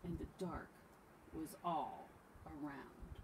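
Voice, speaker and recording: A woman reading a picture book aloud to camera, expressive with dramatic pauses. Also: low voice, background noise. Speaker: storyteller.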